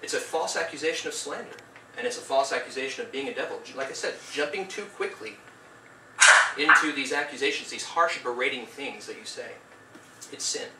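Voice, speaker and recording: A man's voice: medium pitch, a little fast, heavy background noise. A man giving a formal debate statement in an earnest, preachy, rebuking way. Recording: echoey room, distant mic, faint ambience.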